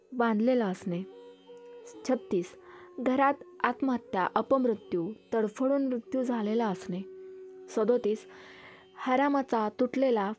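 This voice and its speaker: A woman narrating a devotional list, reading each numbered item in an even, measured way. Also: on the high side, muffled recording.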